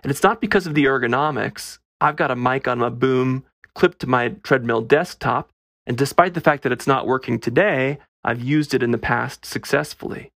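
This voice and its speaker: A man's voice: medium pitch, vocal fry, fairly bright tone, no room sound, studio quality. A man hosting a casual solo podcast, talking in a wry, conversational way, recorded on a phone microphone held up to his face. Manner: conversational, wry and self-deprecating. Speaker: podcast host.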